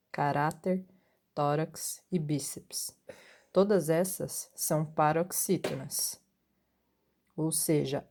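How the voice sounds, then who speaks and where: A woman teacher speaks in a low, mellow voice. She explains patiently, asks her pupils questions and answers them herself, and keeps checking that they follow. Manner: patient, checks in often with "sim?" and "certo?". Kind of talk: recorded classroom lesson for pupils.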